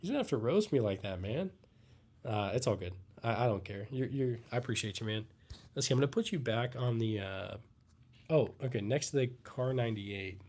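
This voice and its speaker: This young male livestream host is unwell and losing his voice, yet chats casually and answers viewers' questions in a live Q&A. His mid-range voice moves briskly. He keeps things relaxed and rambling, replying to chat comments.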